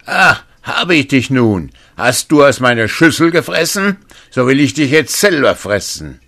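An enraged giant, acted by a man reading a fairy tale, roars out a threat. The voice is loud and strained, pushed high in pitch. It sounds menacing and wild. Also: big pitch swings, measured pace, heavily acted. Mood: furious. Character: huge angry giants, male, menacing.

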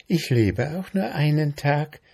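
A man's voice: on the high side, animated, creaky, slightly rough, pitched above the performer's own voice, full character voice. A man doing a dreamy, wistful mayfly. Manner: soft, wistful, unhurried. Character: dreamy carefree female mayfly.

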